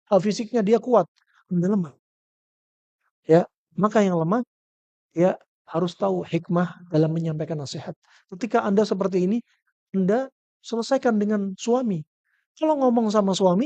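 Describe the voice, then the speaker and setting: A man giving an Islamic religious lecture, animated, with emphatic loud rising bursts. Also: sits high, no room sound, dull audio. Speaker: Islamic preacher.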